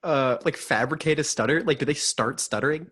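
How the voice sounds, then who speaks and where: A young man co-hosting a podcast, cutting in with quick questions and jokes in casual chat. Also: fairly high pitch, pushed and bright, slightly rough. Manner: wisecracking, quick interjections, laughs often. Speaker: podcast co-host.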